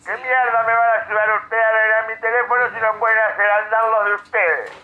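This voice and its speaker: An actor playing an irate, foul-mouthed Argentine customer on the other end of a telephone in a comedy sketch. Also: male voice, sits high, fairly even intonation, fast, narrow, tinny audio. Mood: irritated. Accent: Rioplatense Argentine. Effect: telephone filter.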